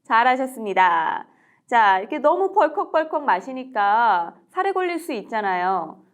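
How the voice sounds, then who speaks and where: A woman teaching English in a recorded lecture, repeating English phrases slowly and clearly, with a friendly, encouraging tone. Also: on the high side, big pitch swings. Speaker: English teacher and book author.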